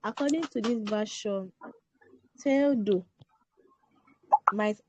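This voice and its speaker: A woman presents a topic to her online class. She reads haltingly from her notes and stumbles over names. Faint background noise runs under her mid-pitched voice. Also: muffled recording. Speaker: student presenter. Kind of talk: reading class notes aloud.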